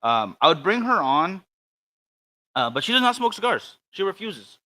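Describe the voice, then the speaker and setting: A man's voice: high-pitched, big pitch swings, moderate pace, pushed and bright, no echo. A man co-hosting a livestream in casual chat, with dry, teasing grumbles. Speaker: co-host of a cigar show.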